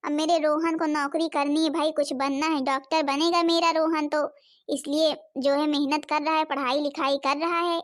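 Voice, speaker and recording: Woman doing a stingy bossy cartoon stepmom, very high voice, always nagging. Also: flat delivery, normal speed, close to an everyday voice. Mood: scolding. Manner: scolding, complaining. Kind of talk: cartoon voice acting.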